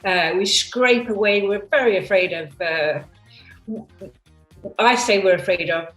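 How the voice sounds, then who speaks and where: A product designer in her fifties, with roots in Denmark and England, speaks a little slowly at a medium pitch during a reflective, conversational interview. She's candid and thoughtful but restarts often, talking over a computer video call from her seaside home. The recording is roomy and distant, with soft background music.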